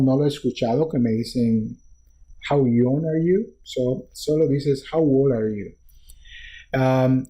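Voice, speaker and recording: A man's voice: on the high side, dark tone. A young Latin American man giving a casual English lesson, patiently explaining and repeating example phrases. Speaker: English teacher.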